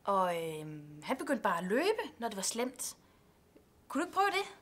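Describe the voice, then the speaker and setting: An actress playing an absent-minded counselor who is dismissive and laughs lightly while not really listening. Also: female voice, medium pitch, wildly swooping pitch, fairly bright tone. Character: distracted, careless female counselor. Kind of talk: student film acting.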